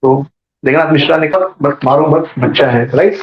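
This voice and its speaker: Man telling a sermon story, kinda high voice, does all the voices, echoey hall sound. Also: moderate pace. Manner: animated storyteller acting out quoted voices, joking asides. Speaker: preacher. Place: temple hall. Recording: echoey dull temple hall recording.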